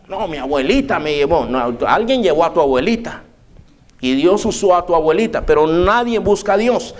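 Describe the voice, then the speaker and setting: High-voiced man preaching a sermon. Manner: emphatic, keeps addressing listeners as brother. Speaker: pastor. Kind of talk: evening church sermon. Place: church.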